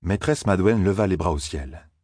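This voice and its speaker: A man reading a fantasy novel aloud in a measured storytelling manner. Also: low voice, a little mellow, husky, no room sound, studio quality. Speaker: audiobook narrator. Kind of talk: scripted fantasy narration.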